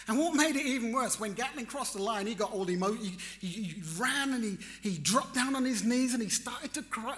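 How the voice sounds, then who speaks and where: A man telling a personal story in a reflective, animated way, acting out his own reactions. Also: extremely high pitch. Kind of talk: storytelling talk.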